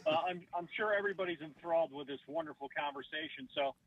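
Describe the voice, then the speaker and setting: A man's voice: a little high, fast talker, dry recording. Joking man on a muffled phone line. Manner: joking, self-deprecating. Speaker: stand-up comedian guest. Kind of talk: casual podcast chat by phone. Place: parked car.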